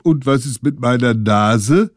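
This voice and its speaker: A man's voice: medium pitch, a little slow, no room sound, clean studio sound, voice pushed up, natural voice. A man voicing sick old cave elders who complain about colds in a children's radio story. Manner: whining, dramatic.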